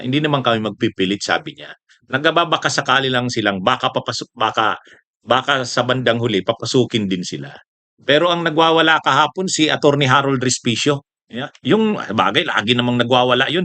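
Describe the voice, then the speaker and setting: Bright-voiced man, mocking political talk. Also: medium pitch, no room sound. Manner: mocking, chuckling, rhetorical questions. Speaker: political commentator. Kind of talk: casual political commentary.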